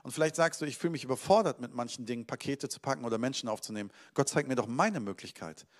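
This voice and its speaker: A pastor preaching a sermon to his church. This man speaks with energy, pushing some points out loudly and dropping others to a near murmur. His voice sits at an ordinary middle pitch. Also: quick pace. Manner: energetic, swings between loud emphasis and quiet asides.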